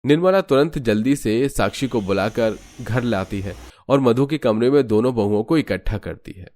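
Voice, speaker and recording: This is a man's voice of medium pitch and moderate pace, telling an animated moral tale the way a scripted storyteller would.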